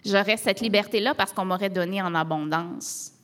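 A woman's voice: medium pitch, normal speed. A woman from Canada with a Québécois French accent, a pastor preaching a sermon in a conversational way, with rhetorical questions and tags like "hein".

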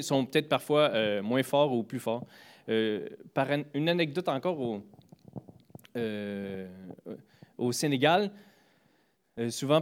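A man casually telling anecdotes about greetings and politeness, full of fillers and restarts, lifting his voice for quoted phrases. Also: mid-range voice. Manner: hesitant, many fillers and restarts; animated, voice jumps for quoted phrases. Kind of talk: casual storytelling chat.

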